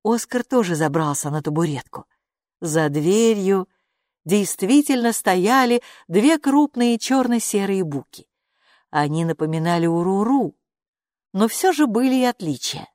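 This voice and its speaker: A woman narrating a children's story audiobook in an expressive storytelling manner. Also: mid-range voice, unhurried, dry recording, clean studio sound.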